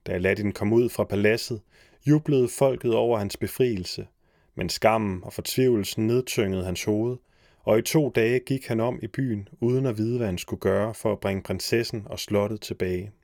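A man narrating a fairy tale in a measured, old-fashioned storybook reading. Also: fairly low pitch, a little mellow, no echo, clean studio sound.

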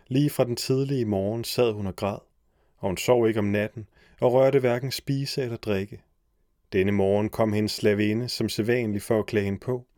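A man narrating a fairy tale in a measured, old-fashioned storybook reading. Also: on the low side, a little mellow, no room sound, studio quality.

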